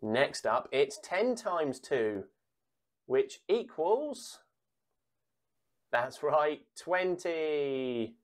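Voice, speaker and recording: This female caller runs a kids' times tables bingo game, announcing sums and then their answers. Her delivery is very slow and deliberate with lively pitch movement, and she pauses before every answer and says the digits twice.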